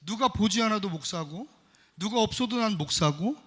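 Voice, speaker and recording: A middle-aged man preaching a sermon as pastor, emphatic, swinging from loud exhortation to quiet confession. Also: high-pitched, lively intonation, normal speed, breathy edge. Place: church sanctuary. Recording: long church hall reverb.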